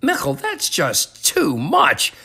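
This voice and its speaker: A man's voice: sits high, huge pitch swings, slow pace, gravelly, pushed and bright, pitched below the performer's own voice, heavily acted. A man voicing an exasperated, pleading listener who keeps trying to stop a crude story. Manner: pleading, incredulous.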